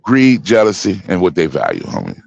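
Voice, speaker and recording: A man in his fifties talking forcefully in a heated panel discussion, preaching in street slang. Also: sits low, huge pitch swings, brisk, vocal fry, dry recording, muffled recording. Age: 50s. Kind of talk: heated casual panel talk.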